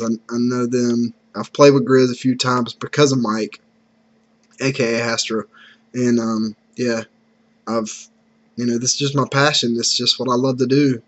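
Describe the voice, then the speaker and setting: Recorded indoors at his bedroom gaming setup on a desktop USB mic, a man in his thirties talks at medium pitch, with the high frequencies cut off. Slightly sick, this gaming YouTuber keeps things laid-back and chatty, often repeating himself.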